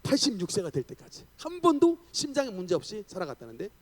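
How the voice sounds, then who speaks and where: A male pastor preaching a sermon, telling a story with energy and bursting into loud declarations. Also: high-pitched, fast talker. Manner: animated storytelling, shouting declarations. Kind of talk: revival sermon.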